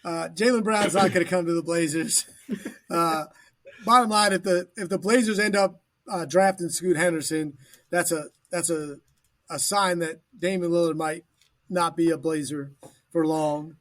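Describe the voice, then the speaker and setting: Bright-voiced man chatting about basketball. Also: on the high side. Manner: quick agreeing interjections, laughs easily. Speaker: sports podcast co-host. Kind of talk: casual sports chat.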